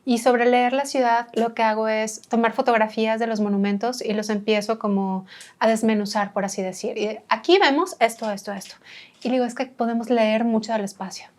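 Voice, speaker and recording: A woman's voice: a little high, brisk. A woman from Monterrey with a northern Mexican accent, chatting as a podcast guest and telling stories with laughs and acted-out dialogue. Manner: lively storyteller, laughs often, acts out dialogue. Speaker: guest, architect and restorer. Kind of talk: casual podcast conversation.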